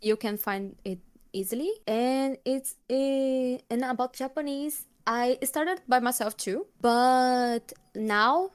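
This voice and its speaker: A young Brazilian woman, a native Portuguese speaker with a Brazilian Portuguese accent, chats casually as an interview guest; she's a K-pop cover singer. Her high-pitched voice is clear and resonant and she speaks slowly, often restarting and hunting for words.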